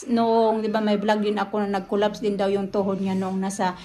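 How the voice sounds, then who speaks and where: A woman's voice: medium pitch, completely flat delivery, brisk, mellow. Chatty woman vlogger from the Philippines. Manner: chatty storytelling, often addresses viewers directly. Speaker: family vlogger. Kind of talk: casual chat to viewers.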